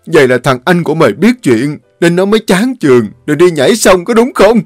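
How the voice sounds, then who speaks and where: A man voicing a stern, grief-stricken elderly father, scolding and shouting at his son. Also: medium pitch, expressive, moderate pace, no room sound, clean studio sound, soft background music, close to an everyday voice. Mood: furious.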